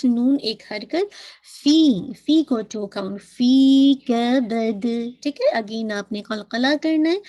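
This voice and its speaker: A woman teaching Quran recitation, drawing out words slowly as she demonstrates them and mixing English terms into her explanations. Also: sits high, a little mellow.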